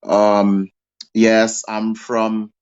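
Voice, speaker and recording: A man from Haiti appears as a panel guest in opinionated call-in talk, voicing strong views at length and often checking in with "okay?". His lowish, darkish voice is clear and resonant but completely flat, with drawn-out words. The highs are cut off.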